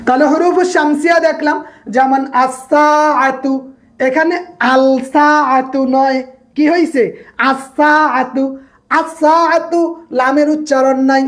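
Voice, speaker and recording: A woman's voice: high voice, steady tone, normal speed. A woman giving an online grammar lecture, repeating each point and quizzing the class so they echo the answers back. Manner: checks in on students by name. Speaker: grammar instructor.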